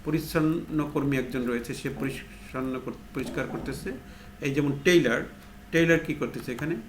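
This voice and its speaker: A man gives a tutorial lesson, stepping through each point and answering his own questions. His voice is of ordinary pitch for a man. The room sounds echoey, with a faint hum underneath. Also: moderate pace. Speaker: English teacher.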